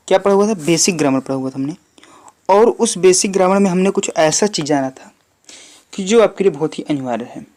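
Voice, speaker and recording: A man's voice: sits high, darkish tone. Man teaching grammar, repeating every point. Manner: asks questions and answers them himself, repeating key points. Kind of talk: online classroom lesson.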